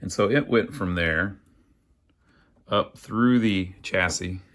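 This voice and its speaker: A slow, low voice with a fairly bright tone belongs to a man hosting an amateur radio repair channel. He thinks aloud folksily while doing a casual hands-on repair tutorial.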